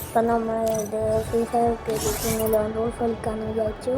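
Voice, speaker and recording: A woman's voice: a little high, completely flat delivery, fast talker, over music. A woman with a Malayali accent giving casual gameplay commentary as a video host, mixing English gaming words into Malayalam. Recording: noisy game audio with gunfire. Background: video game gunfire and ambience.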